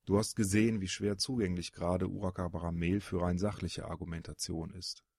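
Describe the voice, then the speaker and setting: A man reading a storybook audiobook, voicing a solemn male dragon-born being in a low, gravelly, husky voice with measured, earnest explaining. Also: flat delivery, darkish tone, dry recording, studio quality.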